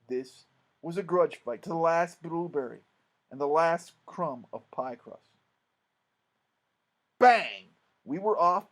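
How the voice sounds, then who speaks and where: Expressive man narrating a storybook. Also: a little high, poor audio. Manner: expressive, swings between hushed and loud. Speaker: audiobook narrator.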